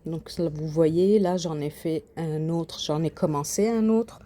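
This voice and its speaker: A woman's voice: deep voice, measured pace, warm tone. A woman showing her coloring and embroidery work in a casual vlog, full of hesitations and restarts. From Quebec. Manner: hesitant, many fillers and restarts. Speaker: craft channel host. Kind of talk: casual show-and-tell vlog.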